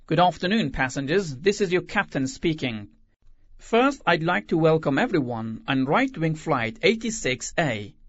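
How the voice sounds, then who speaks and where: A man reading scripted flight announcements in a formal, clearly enunciated way. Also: fairly high pitch, sing-song, moderate pace, a bit bright, no room sound. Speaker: announcer reading listening-exercise examples. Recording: dull, lo-fi audio.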